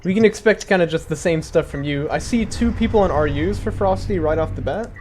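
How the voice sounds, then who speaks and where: A caster giving casual strategy game commentary, relaxed and joking. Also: medium pitch, fairly quick, slight background noise.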